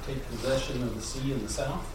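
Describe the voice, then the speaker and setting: A Bible study participant reading scripture aloud and asking questions in a lively way. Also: mid-range voice, brisk. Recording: noisy, echoey audio from far off.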